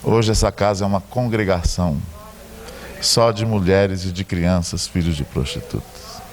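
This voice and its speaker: A man's voice: low voice, moderate pace. A middle-aged man with a Brazilian Portuguese accent, preaching a sermon as a pastor and telling a story with joking asides.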